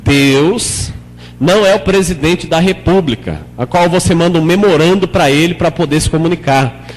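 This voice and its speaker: A male pastor with a high voice delivers a sermon in an easy, conversational way. He keeps asking the congregation questions and sometimes acts out prayers in a lower, softer voice. The sound carries a long church reverb. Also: normal speed, slight background noise. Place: church hall.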